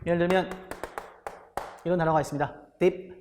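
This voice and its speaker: A man teaching a lecture class in a high, bright voice. He keeps asking questions and answering them himself. A long reverb fills the room around him. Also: steady tone, brisk, background noise. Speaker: English teacher for exam prep. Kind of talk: recorded lecture.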